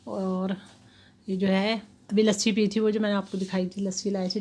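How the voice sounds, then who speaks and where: A woman's voice: mid-range voice, darkish tone, slight background noise, low-quality recording. A middle-aged woman with a Delhi Hindi accent, chatting casually through her chores at home for her vlog, recorded on a phone in her kitchen and balcony. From India. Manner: chatty, describes chores step by step. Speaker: vlogger.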